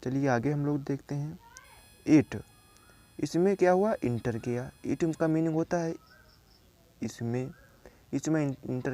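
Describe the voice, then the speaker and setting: A man's voice: medium pitch, warm tone. A young man from India, a student, teaching English by explaining a simple story word by word and repeating each meaning.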